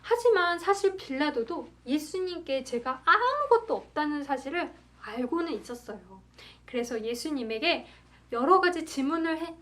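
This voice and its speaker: A woman preacher telling a Bible story to young children in a gentle, animated storytelling manner, acting out the crowd and asking the kids questions. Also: sits high.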